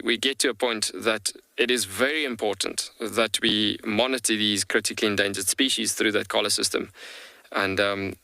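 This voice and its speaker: A man hosting a live wildlife safari, commentating on what is in view in a halting, repetitive way. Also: on the low side, bright, forceful tone, no room sound. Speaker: wildlife safari guide host.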